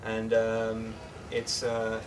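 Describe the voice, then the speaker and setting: A young English-born man raised in the Netherlands, talking as an interview guest in a relaxed, chatty way with many fillers and restarts. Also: on the low side, very slow. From England, raised in the Netherlands. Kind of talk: casual interview chat. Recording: distant mic with clear background noise.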